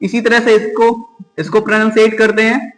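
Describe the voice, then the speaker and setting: A male teacher giving an exam-prep grammar lesson, asking questions and answering them himself, repeating key words slowly. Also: high voice, completely flat delivery, long reverb tail, low-quality recording. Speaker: English teacher.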